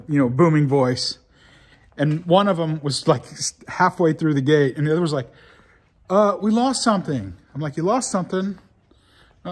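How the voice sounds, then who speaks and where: A man in his forties telling a story in a casual vlog, rambling and chatty with lots of fillers, filming himself with a phone at arm's length inside a big empty old factory. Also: fairly high pitch. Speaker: vlogger renovating an old building. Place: large empty old factory floor, indoors. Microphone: phone held at arm's length.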